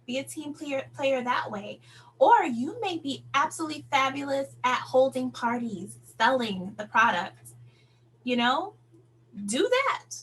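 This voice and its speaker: A woman's voice: high-pitched, big pitch swings, measured pace, low-quality recording. A woman speaking as a sales director on a team call, giving a motivational talk in an encouraging, conversational and emphatic manner. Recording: noticeable background noise, hum.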